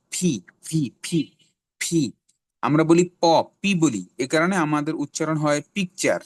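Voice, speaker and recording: A middle-aged Bangladeshi man teaching spoken English in an online class, giving slow, drawn-out English examples between explanations. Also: on the high side, no echo.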